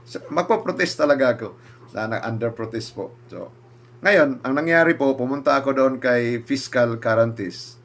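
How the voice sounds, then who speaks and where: Man, pastor, personal testimony, animated storytelling, acts out quotes. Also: mid-range voice, normal speed.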